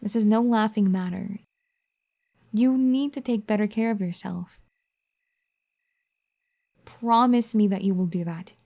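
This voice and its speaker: For an ASMR roleplay, a woman portrays a caring young wife, firm and a touch bossy, with a soft-spoken, gently scolding manner. Her mellow, dark voice sits at an ordinary middle pitch but is gravelly; she's unhurried and pauses often. The mood is serious.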